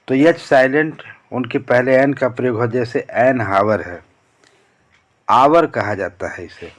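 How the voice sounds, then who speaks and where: A man with a Hindi accent teaching a grammar lesson, explaining slowly and repeating key points. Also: mid-range voice.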